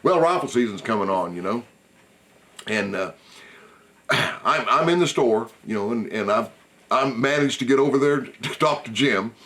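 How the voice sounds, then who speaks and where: A man's voice: medium pitch, a little slow. A man hosting a hunting show, telling a story in a casual, folksy way and repeating himself as he talks to his viewers. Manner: animated, repetitive, folksy asides to the audience.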